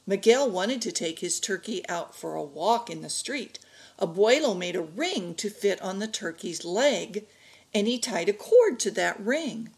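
A woman reading a picture book aloud to an adult learning class, slow and expressive. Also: medium pitch.

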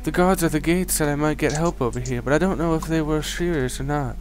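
A man's voice: on the high side, brisk, soft background music, pitched above the performer's own voice, natural voice. A man voicing a frightened, pleading townswoman in a video game with a put-on Southern belle accent, melodramatic in manner. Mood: distressed. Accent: put-on American Southern.

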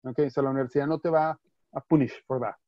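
Fast-talking Venezuelan man on a video call. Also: mid-range voice, steady tone, mellow, no room sound. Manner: reassuring, mixes in English words, restarts often. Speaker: university advisor. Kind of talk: answering questions in a webinar. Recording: dry, slightly dull video-call audio.

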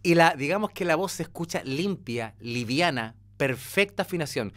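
A man's voice: on the high side, lively intonation, normal speed, fairly bright tone. A man working as a vocal coach, reacting to a singing clip and breaking into sung demonstrations as he explains. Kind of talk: reaction video analysis of singing.

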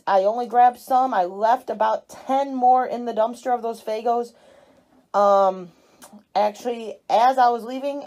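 A woman's voice: mid-range voice, a little mellow, rough recording. A woman in her thirties chatting casually to viewers while filming on a handheld phone, upbeat and talkative. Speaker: dumpster diving vlogger. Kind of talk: casual vlog narration. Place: outdoors at store dumpsters and at home. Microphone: handheld phone camera.

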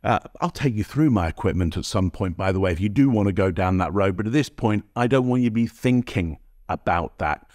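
Speaking with lively intonation, a bit fast and barely pausing, a man with a darkish tone gives an energetic to-camera tutorial as a body language expert. He records on a high-end studio mic with no echo and keeps asking the viewer "okay?"

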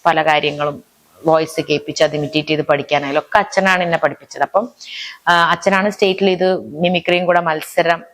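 A woman's voice: low voice, steady tone, brisk, fairly bright tone. A woman, a mimicry artist, talking in an interview, telling stories in a chatty way with frequent restarts. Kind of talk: interview chat.

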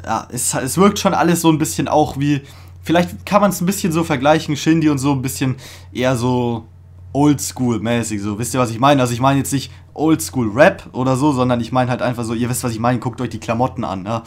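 A young man hosting a casual music reaction, talking in an excited, slangy way with many fillers and restarts, recorded in a small room. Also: medium pitch, a little fast. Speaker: reaction video host. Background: faint music playing.

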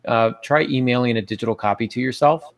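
Speaking fast with vocal fry at medium pitch, a middle-aged podcast host chats casually in a writers' discussion. The dry recording comes from a video call on an earbud headset in his small home office.

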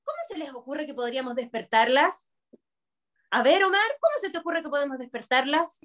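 A woman's voice: sits high, animated, a little fast, a bit bright. A woman teaching kindergarten online, telling a story expressively and asking the children questions over a video call.

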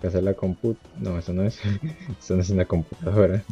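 A young man giving let's-play commentary, muttering to himself and breaking into high yelps and laughs. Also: steady tone, fairly quick, dark tone. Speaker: gamer. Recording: dull lo-fi sound with game music.

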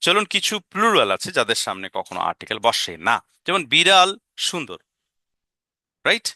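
A man's voice: medium pitch, bright, forceful tone, no room sound, clean studio sound. A man teaching an English grammar lesson, explaining step by step, often checking "right?" and sounding out vowels.

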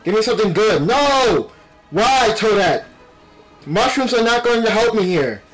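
A man giving animated, playful gameplay commentary with exclamations and trash talk, speaking with a retainer in his mouth. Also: sits high, unhurried, faint music behind, rough recording. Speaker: gaming video host. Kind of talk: excited live gameplay commentary.

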